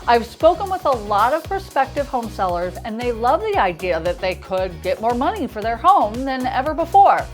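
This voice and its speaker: A woman with an American accent speaks in a fairly high voice, with a noticeable lisp that whistles on her s sounds. She delivers a scripted explainer as a realtor hosting her own video, over background music. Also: big pitch swings, normal speed, few pauses.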